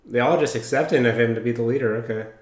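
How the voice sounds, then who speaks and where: A man's voice: mid-range voice, rapid-fire. A man giving casual, slangy running commentary as the host of a reaction video. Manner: informal, slangy exclamations. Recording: roomy echo, show music behind. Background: music from the show being watched.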